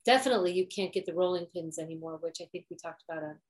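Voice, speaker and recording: A woman's voice: fairly low pitch, racing. A woman co-hosting a podcast in casual chat, talking loosely with lots of "like" fillers and laughing easily. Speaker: podcast co-host.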